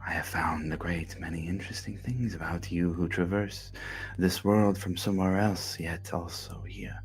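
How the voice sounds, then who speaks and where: A sinister death god whispering inside one's head, as a man plays him, cold and cryptic, with a low, breathy menace. Soft music hums in the background. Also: steady tone, moderate pace. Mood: menacing.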